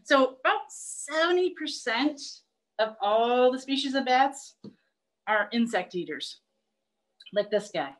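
A woman's voice: on the high side, expressive, unhurried, poor audio. A young woman zoo educator giving a live online lesson, chatty and playful, laughing often.

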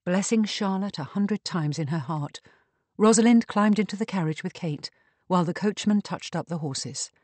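A man reading a period mystery novel aloud in measured, even audiobook narration. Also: high-pitched, no echo.

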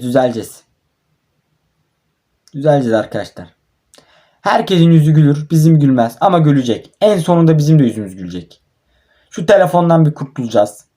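This is live gameplay commentary from a young man on his own mobile football match, where he grows frustrated and swears at his team. His voice is mellow and a little high.

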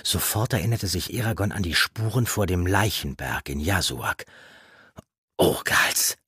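A man narrating a fantasy audiobook in a measured, dramatic reading. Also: sits low, animated, fairly bright tone, husky, no room sound, clean studio sound.

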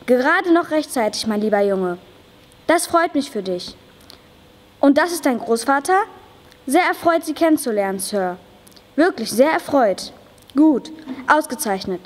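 Fussy, effusive little old chocolate maker read by a girl, high voice, echoing hall. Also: animated, a little slow, long pauses. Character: lively, excitable small old male chocolate maker. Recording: long reverb of a school hall.

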